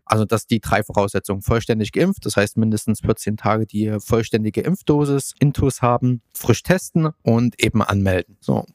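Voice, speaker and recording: A man's voice: fairly low pitch, dry recording, studio quality. A man hosting a podcast, explaining news in a casual, conversational way. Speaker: podcast host.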